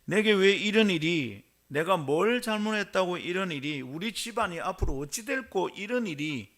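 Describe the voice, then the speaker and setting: A man's voice: high voice, expressive, normal speed, fairly bright tone, voice pushed up, exaggerated voice. A Gyeongsang-accented pastor voicing an anguished young betrothed man who laments in raised exclamations.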